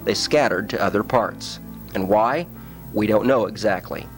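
A man giving scripted documentary narration in a measured, explanatory way. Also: on the low side, faint music behind.

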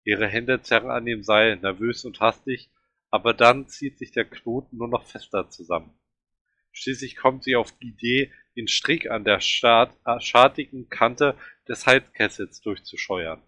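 Ein Mann liest einen Roman dramatisch und angespannt vor. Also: male voice, mid-range voice, measured pace, bright, forceful tone, no echo. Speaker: reader. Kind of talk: reading a novel aloud.

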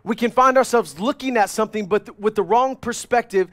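A man preaching a sermon in a rather high voice, animated and urgent. He swings from loud, pressing lines to hushed, low ones. The sound is close and dry. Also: brisk, no echo. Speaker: pastor.

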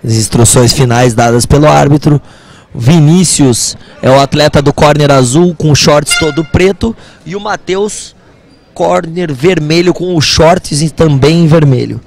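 A man's voice: fairly high pitch, a little slow, a little mellow. A Brazilian man giving live kickboxing commentary as a fight commentator.

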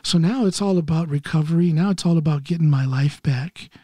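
A man in his early fifties from Ohio, hosting a solo podcast while recovering from neck surgery, talking haltingly and clearing his throat often. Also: on the high side, warm tone, no room sound, clean studio sound. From Ohio, USA. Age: 50s. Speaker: podcast host. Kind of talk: casual solo podcast monologue.

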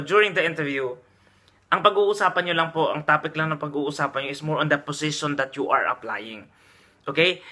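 A chatty man from the Philippines, talking straight to his viewers in a casual vlog. His voice sits high and sounds very bright and forceful, and he keeps checking in with a quick "okay?". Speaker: vlogger giving job tips. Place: Dubai.

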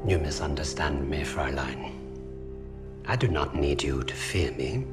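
An actor in his thirties playing a coldly polite, menacing Nazi interrogator in a video game, speaking softly and deliberately. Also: rumbling low. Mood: quiet menace. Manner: soft-spoken, deliberate, menacing. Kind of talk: dramatic video game acting. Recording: loud music behind the voice.

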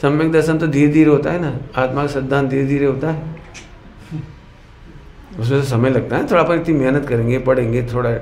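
A man giving a sermon in a lively, questioning way, who sometimes sings verse lines. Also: mid-range voice, a little fast, pauses often. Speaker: religious teacher. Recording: echoey hall with some noise.

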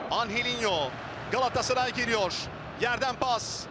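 Male football commentator, very high-pitched, excitable screaming play-by-play over heavy stadium noise. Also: normal speed. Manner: excitable, screaming out goals and names. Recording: loud stadium crowd noise behind voice. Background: roaring football crowd.

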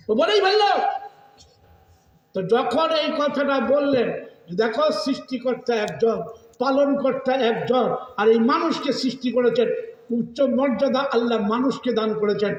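A man preaching a storytelling sermon, animated and often shouting, calling out questions to his audience. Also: very high voice. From India. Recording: echoey hall, distant, dull sound.

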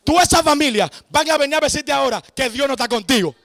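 A man preaching a sermon at a church service, telling a story in an animated way and shouting his emphatic lines. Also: extremely high pitch, quick pace. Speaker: evangelist preacher.

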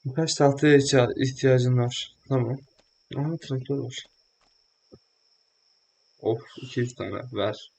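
A young man giving casual, joking let's-play commentary, excitable and slangy, often talking back to the game. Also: mid-range voice, unhurried, gravelly, pauses often. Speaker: gaming YouTuber.

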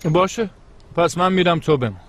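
A man's voice: a little high, expressive, natural voice. A man dubbing a bossy but caring young man friend in a TV comedy drama, chatty and brotherly. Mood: urging.

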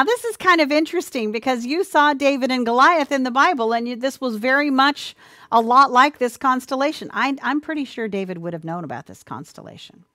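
A woman giving an earnest, sermon-style Bible teaching, speaking warmly to listeners as dear ones, with a few ums and restarts. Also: fairly high pitch, dry recording, studio quality. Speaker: presenter of a church teaching.

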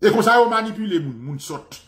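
Man, Haitian accent, high voice, echoey room, impassioned mocking commentary. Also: fast. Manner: animated and mocking, with sudden loud outbursts. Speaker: political commentator.

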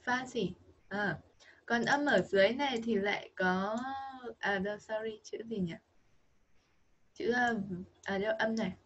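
Over a muffled recording, a Vietnamese-accented woman coaches a child through English pronunciation online, modelling each sound repeatedly with patience. She speaks at normal speed in a medium pitch.

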